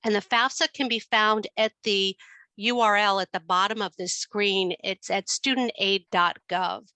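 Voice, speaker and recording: A woman's voice: medium pitch, fairly even intonation, unhurried, bright, forceful tone, dry recording. A woman with a New York accent giving an informational webinar presentation on financial aid, explaining steadily with frequent ums over a computer mic on a video call.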